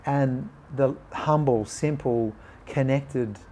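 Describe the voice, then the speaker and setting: A man's voice: medium pitch, slow pace, a little hiss or hum. A man, a podcast guest telling a personal story and acting out the voices of people in it. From Australia. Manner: animated, acts out quoted voices.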